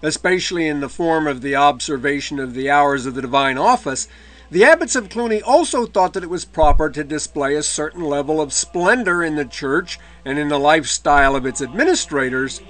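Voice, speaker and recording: A man's voice: a little high, brisk, a bit bright. A man giving a recorded history lecture, explaining in a conversational way with dry asides and occasional mid-word self-corrections.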